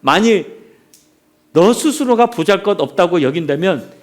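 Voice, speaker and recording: A man preaching a sermon voices God as a gentle, fatherly presence reassuring a weary pastor. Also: high voice, lively intonation, measured pace. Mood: tender. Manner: tender, fatherly address.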